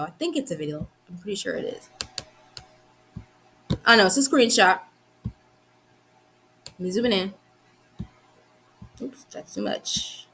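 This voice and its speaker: Agitated, swearing young woman with a bright voice. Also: medium pitch, a little hiss or hum. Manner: heated and profane, rapid run-on talk with restarts. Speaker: vlogger. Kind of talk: angry venting monologue.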